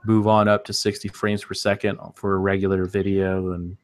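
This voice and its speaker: A man's voice: sits low, level tone, normal speed. A man co-hosting a casual gaming podcast, laid-back and opinionated, chuckling often. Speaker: podcast co-host.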